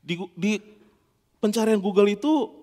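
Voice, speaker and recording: Pastor, high and very animated, playful sermon delivery, long church hall reverb. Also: male voice, moderate pace. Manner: animated, playful, acts out dialogue. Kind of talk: lively sermon with humorous anecdotes.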